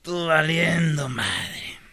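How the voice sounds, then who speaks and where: Mexicano animado, voz aguda y brillante. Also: male voice, fairly high pitch, very slow, no echo. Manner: animated storyteller, slangy, acts out characters. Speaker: host. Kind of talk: casual comedic news chat.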